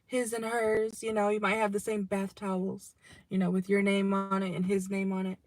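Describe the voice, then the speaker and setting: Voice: medium pitch, monotone, normal speed, no room sound. Chatty tarot reader in a parked car. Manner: chatty, tags lines with "okay?", swears casually. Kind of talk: casual tarot reading for all signs.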